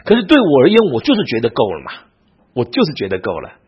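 A husky-voiced man leads a Bible class like a sermon, his pitch rising and falling with lively emphasis. He keeps checking in with rhetorical questions to the room. The recording is dull and lo-fi. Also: fast talker. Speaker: Bible teacher. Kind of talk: teaching sermon.

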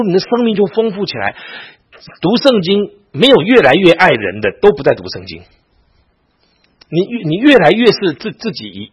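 A man's voice: fairly high pitch, slightly rough, highs cut off. A man, a pastor, lecturing a Bible class, telling stories and often asking his listeners rhetorical questions.

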